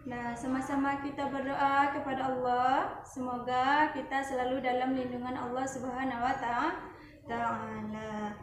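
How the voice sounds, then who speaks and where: High-voiced woman teacher in echoey room. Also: little pitch movement, a little slow, a little hiss or hum. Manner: motherly, addresses the children as "Nak"; many fillers and self-corrections. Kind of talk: online class lesson.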